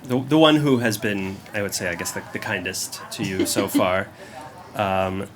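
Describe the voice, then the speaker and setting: A man running a tabletop game as game master, halting with many ums and laughing easily. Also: on the low side, over music.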